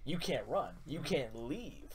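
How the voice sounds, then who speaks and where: A young man runs the tabletop game as its game master, his voice sitting a little high. He tells the story with lively energy, laughing along. A light hiss of noise sits under the recording. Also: slow. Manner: animated storytelling with laughter and acted quotes. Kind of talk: narrating a tabletop game session.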